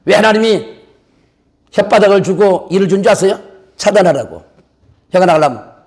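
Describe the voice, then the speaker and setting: A pastor with a very high, gravelly voice preaches to his congregation. His delivery is fervent and folksy, with playful asides dropped between exhortations. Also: animated, normal speed, darkish tone. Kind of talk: Pentecostal-style sermon. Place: church sanctuary.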